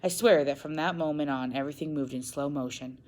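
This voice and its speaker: A woman narrating a first-person novel in an expressive reading, now and then correcting a slip. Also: low-pitched, a little fast. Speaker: audiobook narrator.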